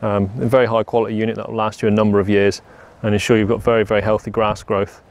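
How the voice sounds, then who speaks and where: A man's voice: fairly low pitch, level tone, fast talker, darkish tone. A young man giving a plain, practical walkaround of a farm machine outdoors on a lawn, often repeating "very, very". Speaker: product presenter. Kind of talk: product walkaround demo.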